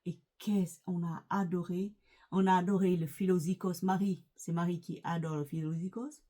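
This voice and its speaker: A woman's voice: lowish voice, steady tone, normal speed, warm tone. A middle-aged woman chatting casually in a vlog, hesitant, with many fillers and restarts. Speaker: lifestyle vlogger. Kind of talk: casual chat about perfumes.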